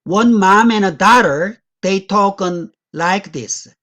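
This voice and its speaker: A woman's voice: medium pitch, takes it slowly, a bit bright. A woman giving a guest lecture, walking through slides in non-native English with loose grammar and frequent check-in questions to the audience.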